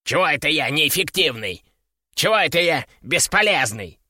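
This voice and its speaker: A man voicing a grumbling, sardonic male talking parrot in an audiobook, a bit lower and slower than his narration. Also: big pitch swings, pushed and bright, no room sound, studio quality, heavily acted. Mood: indignant. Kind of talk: audiobook character voice.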